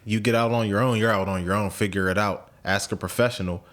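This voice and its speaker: Speaking quickly in a fairly low, slightly bright voice with fairly even intonation, a late-twenties American man hosts a podcast. The conversation is casual, and he thinks aloud with many repeats and restarts.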